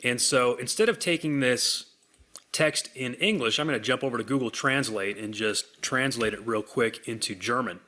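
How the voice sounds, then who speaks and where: A man hosting a software demonstration, walking through it in an upbeat sales manner. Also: mid-range voice, moderate pace. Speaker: software demo host. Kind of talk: product demonstration.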